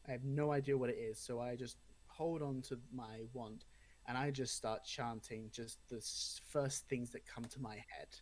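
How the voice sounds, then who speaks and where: A man's voice: mid-range voice, normal speed. Young man telling a spooky anecdote. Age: young adult. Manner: animated retelling with acted-out dialogue. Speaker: storyteller. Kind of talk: casual spooky personal anecdote.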